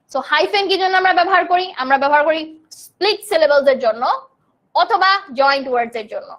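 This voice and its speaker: A woman's voice: extremely high pitch, a bit bright. A young woman from Bangladesh teaching a live online grammar class, explaining terms and answering students' chat questions.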